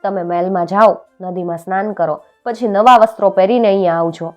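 A woman's voice: medium pitch, fairly even intonation, fairly quick, lightly acted. A woman doing a clever, poised young wife. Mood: coaxing. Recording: dull audio with faint music.

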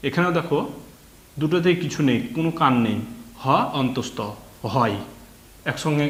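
A man's voice: medium pitch, reverberant. A man teaching a children's reading lesson, patiently breaking words into letters and repeating each one.

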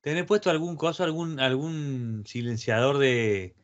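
Argentine guitar teacher chanting rhythm syllables. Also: male voice, mid-range voice, a little slow, lo-fi sound. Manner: coaching, counting rhythms aloud with repeated syllables. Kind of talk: online music lesson. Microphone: video call. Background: guitar playing.

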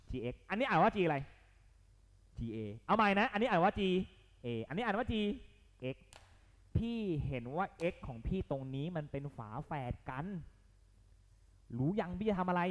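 Lively man teaching math. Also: sits high, in a large hall. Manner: lively, coaxing, keeps checking the students follow; blunt and slangy at times. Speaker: math tutor. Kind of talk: exam prep lesson.

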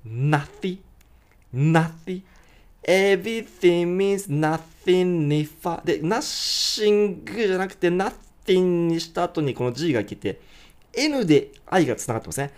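Male English teacher, animated delivery; slow sung lyric lines, quick explanations. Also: high voice, clean tone. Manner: breaks lyrics into slow drawn-out syllables, then explains quickly. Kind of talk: pronunciation lesson, singing lyric lines slowly.

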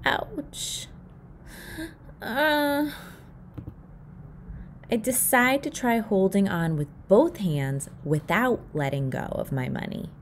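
A woman reads a picture book aloud for a children's storytime, taking her time over each line. Her voice moves lively up and down, and she acts out the little sound effects as she goes. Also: mid-range voice, a little slow, hardly any pauses, slight background noise. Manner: expressive, with acted sound effects. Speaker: storytime reader.

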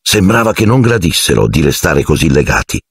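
Brief: male audiobook narrator, low husky voice, lively delivery, dry booth sound. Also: brisk, dry recording. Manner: expressive storytelling, acting out each character. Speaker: audiobook reader.

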